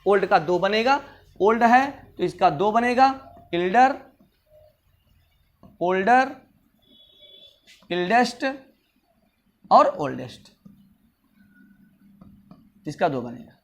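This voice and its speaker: A man's voice: high-pitched, animated. Man drilling grammar forms, repetitive. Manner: repetitive drilling, chants word forms slowly. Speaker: English grammar teacher. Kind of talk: classroom grammar lesson.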